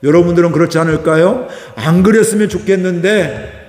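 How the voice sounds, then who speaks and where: A male pastor with a fairly high voice delivers a Sunday sermon in a church sanctuary. He keeps asking the congregation questions and acts out the voices of the people he quotes. His words ring through a roomy hall with a long reverb tail. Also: a little fast, a little mellow.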